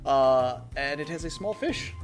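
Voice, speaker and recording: A man narrating a tabletop game as game master, describing scenes in an unhurried, halting way. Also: fairly high pitch, lively intonation, soft background music.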